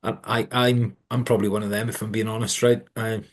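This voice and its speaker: A man's voice: lowish voice, flat delivery, a little fast. A man hosting a company podcast in a chatty, hesitant way, full of fillers and restarts. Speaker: podcast host. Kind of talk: conversational interview.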